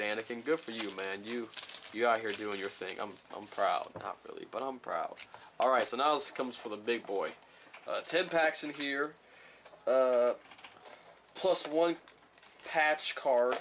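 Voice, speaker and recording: A man chatting casually while unboxing trading cards, rambling and reading each card title aloud slowly, a little sick. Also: lowish voice, background noise. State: slightly sick. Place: small room at home.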